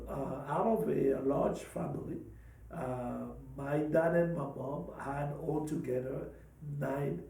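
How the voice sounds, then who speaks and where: Slow, gravelly-voiced man in his fifties. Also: medium pitch, mellow, echoey room, far from the mic, rough recording. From Democratic Republic of the Congo. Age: 50s. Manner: slow, hesitant, many pauses with fillers. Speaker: pastor and podcast host. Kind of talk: personal testimony talk.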